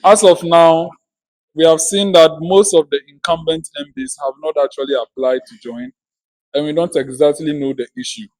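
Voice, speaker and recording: A man's voice: fairly high pitch, steady tone, moderate pace, darkish tone, dry recording, low-quality recording. A man making a formal, polite and orderly announcement to parliament as one of its members. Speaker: interim MP and outgoing parliament speaker.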